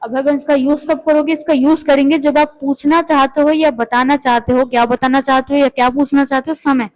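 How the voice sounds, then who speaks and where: High-voiced woman teaching English. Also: fairly even intonation, rough recording. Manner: explains in Hindi, reads English lines slowly and carefully; repeats words and asks questions to the viewer. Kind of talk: lesson.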